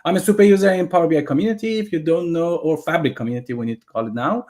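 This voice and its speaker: This eager guest presenter, an Iranian native Persian speaker with an Iranian accent, races through a technical talk on a video call. His pitch is fairly high with a darkish tone, and he keeps restarting phrases.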